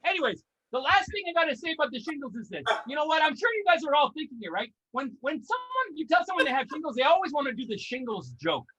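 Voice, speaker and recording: A man's voice: very high voice, very animated, fast, hardly any pauses, sharp tone, lo-fi sound. A man from Canada doing a stand-up comedy set over a video call, swearing a lot and ranting in exasperation while acting out his own exclamations.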